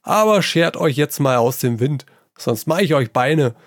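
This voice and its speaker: A man giving a gruff, salty performed reading of a comic story, in the voice of an old sailor yarning to children. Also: fairly high pitch, lively intonation, measured pace, no echo, clean studio sound.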